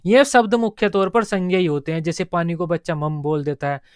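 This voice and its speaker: High, clear-voiced male teacher. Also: fairly quick, no echo, studio quality. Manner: explains step by step, repeats key points. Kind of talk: exam-prep lecture.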